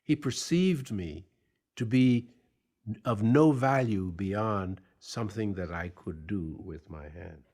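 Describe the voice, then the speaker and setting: An older man tells a personal story at a slow, deliberate pace. His voice sits low, and he halts and restarts as he acts out the remembered dialogue. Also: darkish tone. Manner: measured, halting, with pauses and restarts. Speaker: speaker telling a life story.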